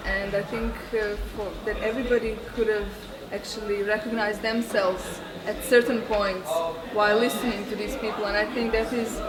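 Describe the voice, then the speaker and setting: A woman's voice: mid-range voice, flat delivery, normal speed, hardly any pauses. Earnest woman from Serbia, crowded hall. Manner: earnest, reflective, hesitant with uhs. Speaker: conference attendee. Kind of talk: event feedback interview. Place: busy conference venue. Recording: roomy, distant, loud crowd behind.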